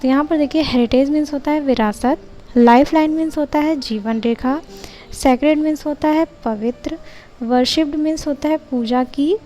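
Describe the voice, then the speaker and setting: A woman's voice: high voice, mellow. A woman tutor methodically walking trainee teachers through a lesson plan. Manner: methodical, steps read out in a measured way.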